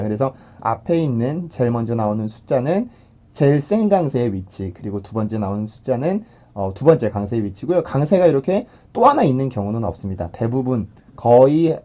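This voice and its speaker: A man's voice: medium pitch, warm tone, lo-fi sound. A man teaching English pronunciation in a lesson, explaining step by step and repeating sounds to model them.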